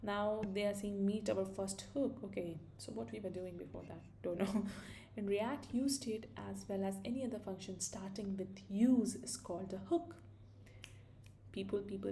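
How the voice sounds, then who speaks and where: In a screen-recorded coding tutorial, a young woman from India talks through her work in a relaxed, think-aloud way, using fillers and correcting herself, with an Indian accent. Her mid-range voice is mellow, and there's slight background noise.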